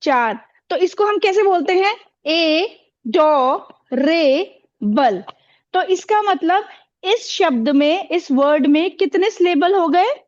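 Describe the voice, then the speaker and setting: A woman's voice: very high voice, unhurried, muffled recording. A woman teaching a classroom, asking the pupils questions and repeating their answers with encouragement.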